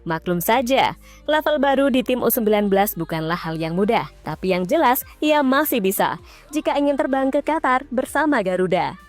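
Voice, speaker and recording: A woman's voice: fairly high pitch, expressive, moderate pace. A woman narrating football news in a scripted read, dropping in casual slang asides. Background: faint background music.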